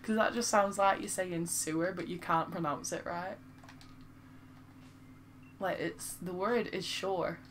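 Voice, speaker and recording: A woman with a Lancashire accent talks through a game stream in a loose, chatty way, poking fun at herself and answering her viewers. Her voice sits a little low for a woman. A faint hum of background noise stays behind her. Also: measured pace, long pauses. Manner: chatty and self-mocking, reads viewer comments aloud. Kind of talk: casual live-stream chat.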